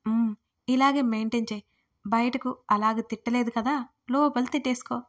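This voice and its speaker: A woman's voice: on the high side, fairly even intonation, moderate pace, natural voice. Brief: cocky young male college troublemaker, smug and teasing, sits close to her own register, as a woman narrator plays him. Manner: smug, teasing, sometimes whispering.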